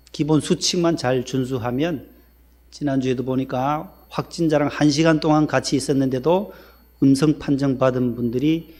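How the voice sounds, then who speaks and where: A man's voice: mid-range voice, gravelly. A male pastor telling light jokes to his congregation before the sermon. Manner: joking warm-up before the sermon.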